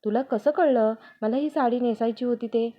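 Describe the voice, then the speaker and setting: A woman voicing a shy but quick-to-scold young wife in a read-aloud family story, on a dull lo-fi recording. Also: a little high, warm tone, lightly acted. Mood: puzzled. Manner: scolding, bashful. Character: young wife, shy and tired, easily vexed.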